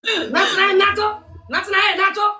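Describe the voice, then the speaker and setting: A man's voice: very high voice, steady tone, measured pace. A man streaming live, teasing and taunting playfully in casual banter.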